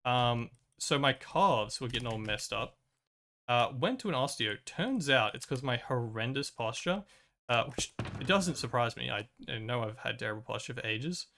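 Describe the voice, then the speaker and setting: A young man streams a video game and chats casually, rambling with lots of fillers and restarts. His medium-pitched voice has lively intonation, normal speed, and a creaky, sharp tone, a little worn as he recovers from a cold and lost voice. Slight background noise is audible.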